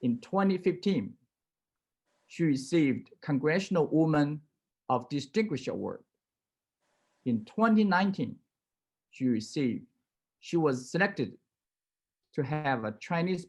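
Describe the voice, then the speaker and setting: A man's voice: on the high side, darkish tone. A man, a former association president, reads a formal introduction of a keynote speaker with occasional hesitant fillers.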